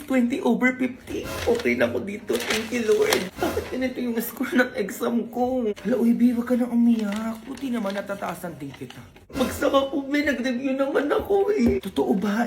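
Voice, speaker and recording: A woman acting out comic family and classroom skits, switching between characters in a lively, teasing way. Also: fairly high pitch, roomy sound. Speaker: comedy sketch performer. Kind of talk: skit comedy acting many characters.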